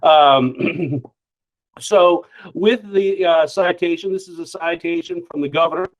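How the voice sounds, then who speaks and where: A man leading a state office, giving informal, halting remarks at a virtual award ceremony. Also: fairly high pitch. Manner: informal, halting, lots of "uh" and repeated words. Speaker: state office executive director presenting an award. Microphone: video call. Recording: lo-fi video call audio.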